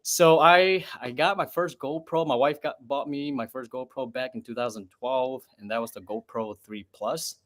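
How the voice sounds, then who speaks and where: A man's voice: medium pitch, steady tone, normal speed, hardly any pauses. A man from Wisconsin, a husband and father, chatting easygoing as a livestream guest. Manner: easygoing, laughs often, says dude. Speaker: guest content creator. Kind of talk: casual livestream chat.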